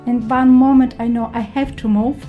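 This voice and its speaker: A woman from Ukraine with a Ukrainian accent, a guest healer answering radio interview questions in halting non-native English with many pauses and ums. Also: a little high, steady tone, narrow, tinny audio, soft background music. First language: not English.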